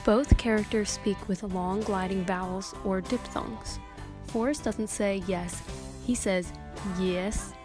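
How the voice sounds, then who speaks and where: A woman's voice: medium pitch, fairly even intonation, measured pace, music in the background. Young woman narrating a class project. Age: young adult. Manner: clear, explanatory reading. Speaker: student presenter. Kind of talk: scripted class presentation narration.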